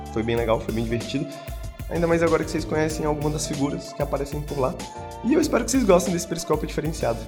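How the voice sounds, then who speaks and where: A man with a Brazilian accent gives a casual podcast introduction. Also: fairly high pitch. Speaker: podcast presenter giving an introduction. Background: music.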